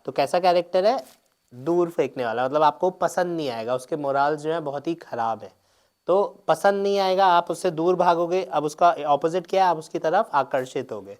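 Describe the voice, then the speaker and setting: A man's voice: fairly high pitch, normal speed. Man explaining exam answers step by step. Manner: explains step by step, mixing Hindi and English, with frequent check-ins. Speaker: teacher. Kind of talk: exam paper explanation lecture.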